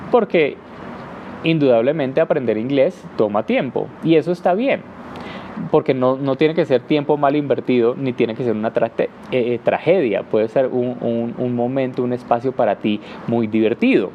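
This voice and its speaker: A man teaches English in a live question-and-answer session, explaining patiently with frequent "eh" fillers and tapping out rhythms with "ta ta ta". His voice is mid-range at a moderate pace. The recording is muffled with slight background noise.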